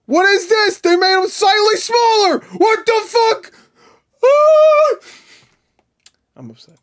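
Speaking slowly in a very high, fairly bright voice with lively intonation, a man in his thirties hosts a reaction video from a small, furnished home room. He's casual and profane, joking and sarcastic, often exclaiming. Behind him play the music and sound of a game trailer.

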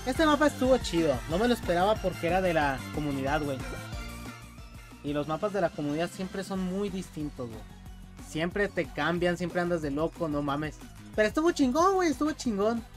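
A young man with a Mexican accent, streaming a game live and commenting in an excitable, swearing, casual way. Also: sits high, normal speed, over music. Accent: Mexican Spanish. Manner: excitable, swears a lot, yells when stuck.

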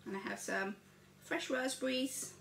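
This older woman has a high, gravelly, slightly bright voice and takes her time, with slight background noise. She's a home cooking vlogger chatting through a breakfast recipe, narrating each step as she works, filmed across the counter in an echoey kitchen where dishes clatter.

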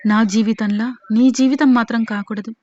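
A woman's voice: on the high side, steady tone, normal speed, darkish tone, natural voice. A woman voicing a sad, pleading young woman who is expecting a child, in a dull lo-fi recording. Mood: sorrowful. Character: sorrowful pregnant young woman, elder sister.

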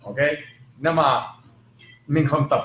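A man teaching English pronunciation in a casual video lesson, repeating example words slowly and with emphasis. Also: a little high, fairly bright tone. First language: not Vietnamese. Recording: roomy with faint background noise.

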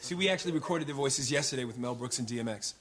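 A man playing a fast, placating film director. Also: medium pitch, very noisy, close to an everyday voice. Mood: humoring. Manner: hurried, humoring, laughing along. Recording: live audience laughter behind.

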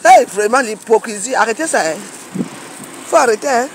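A woman's voice: on the high side, animated, normal speed, slight background noise. Woman ranting at a rival, outdoors. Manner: combative, scolding with rhetorical questions. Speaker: social media commentator. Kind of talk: casual vlog rant. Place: outdoors, walking at a market.

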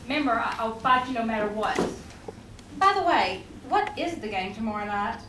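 Casting: young woman as Life, proud and earnest stage figure; high voice, picked up from a distance. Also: lively intonation, normal speed, lightly acted. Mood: confident. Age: young adult. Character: Life, a proud, defiant female personification. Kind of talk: amateur stage play acting. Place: indoor theatre stage. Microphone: distant camera. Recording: echoey stage, distant camera mic, noisy.

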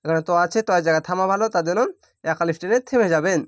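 A man teaching Quran reading, spelling out each syllable plainly and drawing out the recited words slowly. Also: high-pitched, no room sound, studio quality.

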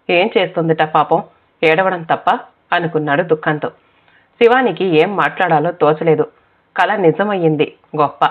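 Woman narrating a story over tinny audio. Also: fairly low pitch. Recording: tinny phone-like sound.

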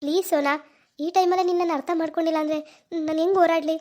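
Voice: very high-pitched, steady tone, racing, darkish tone. A voice actor playing a young man in a cartoon, anxiously pleading with his girlfriend. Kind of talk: cartoon voice acting.

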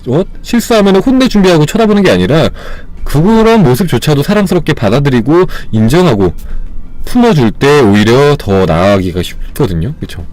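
A man's voice: on the high side, a little mellow. A man hosting his own stream, talking casually and reassuringly to his viewers, slipping into playful acted self-talk. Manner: reassuring, encouraging. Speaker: streamer and channel host. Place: home streaming setup.

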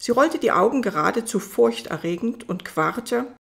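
A woman reading a fairy tale audiobook as its narrator, in a calm storytelling manner. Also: on the high side, normal speed, vocal fry.

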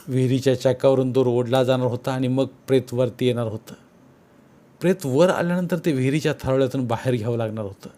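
A man narrating a novel as an audiobook, telling the story in a steady, earnest way. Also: medium pitch.

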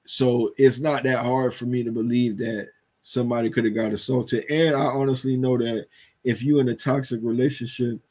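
Speaking at a moderate pace with a steady, medium-pitched, dark-toned voice, this thirtysomething co-host of a news commentary show talks off the cuff from home. He's on a video call with a headset, using slang and frequently adding "man" and "you feel me."

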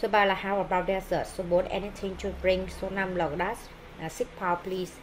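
A woman teacher explaining English textbook exercises with many hesitations and pauses. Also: mid-range voice, little pitch movement, noisy background.

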